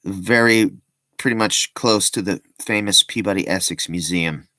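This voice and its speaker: A man's voice: deep voice, moderate pace, bright, forceful tone, no echo. A man giving casual, rambling commentary as a vlogger, breaking off with joking asides and plenty of ums and restarts.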